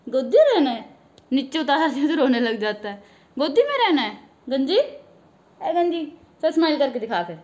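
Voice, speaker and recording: A woman's voice: high voice, big pitch swings, normal speed, long pauses, darkish tone. A woman from Punjab with a Punjabi accent, vlogging at home on her phone camera and coaxing her baby in sing-song baby talk. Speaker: family vlogger. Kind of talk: casual home vlog. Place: at home, indoors. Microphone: phone camera held by the speaker.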